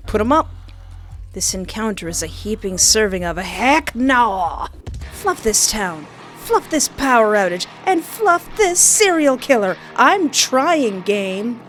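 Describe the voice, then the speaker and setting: Streaming a dating simulator, this woman speaks in a fairly high, sing-song, fairly bright voice and takes her time. Her let's-play commentary swings from reading narration out loud to playful outbursts, all over the game's music.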